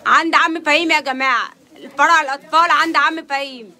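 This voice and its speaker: A woman's voice: high-pitched, quick pace, sharp tone. A woman with an Egyptian Arabic accent presenting a live clothing sale, relaying prices and viewers' questions. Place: indoor clothing shop. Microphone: handheld phone, behind the camera. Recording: busy shop chatter behind.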